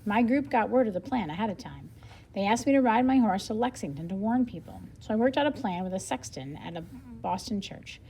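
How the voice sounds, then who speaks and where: A woman reading a nonfiction book aloud as a lesson for children, expressively, pausing to explain things simply and think out loud. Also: medium pitch, lively intonation, a little hiss or hum, poor audio.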